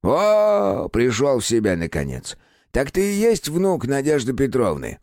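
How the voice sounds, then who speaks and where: A man voicing a small, furry, ancient house spirit in an audiobook, creaky and grumbling, teasing the boy he talks to. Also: mid-range voice, huge pitch swings, measured pace, darkish tone, dry recording, studio quality, pitched above the performer's own voice. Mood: grumpy. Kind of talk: audiobook character voice.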